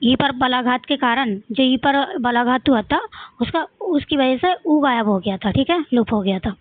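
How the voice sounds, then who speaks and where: Woman teacher, Rajasthani accent, high pitch, asks and answers her own questions, thin phone-like sound. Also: normal speed, no echo. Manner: asks the class questions and answers them herself, repeats often. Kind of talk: exam-prep lesson. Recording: dry, phone-like audio.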